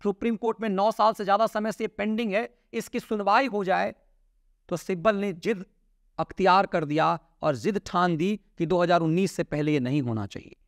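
A middle-aged man hosting a political commentary show, talking emphatically to camera from a studio desk with big swings in pitch and sharp drops at the ends of phrases. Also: moderate pace, no echo. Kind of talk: opinionated news commentary to camera. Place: indoor studio with virtual set. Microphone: lapel mic, seated at desk.

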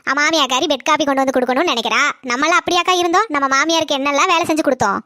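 A woman's voice: high voice, racing, pushed and bright, no room sound, studio quality. A woman voicing a nosy neighbor in a cartoon who eagerly spreads street gossip, with a Kanyakumari Tamil accent. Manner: breathless, eager storytelling gossip. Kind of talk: cartoon comedy dialogue.

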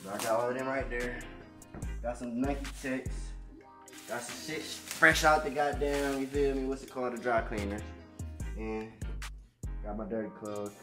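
This twenty-something American man tours an empty little apartment for his vlog, talking casually with slang and repeating phrases for emphasis. His mid-range voice is steady at a normal pace with long pauses. Captured off-mic by a handheld camera a few steps away, the room echoes and music plays underneath.

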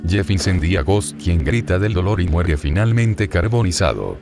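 A man in scripted story narration, reading a fanfic steadily, with loud background music. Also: low-pitched, animated, normal speed.

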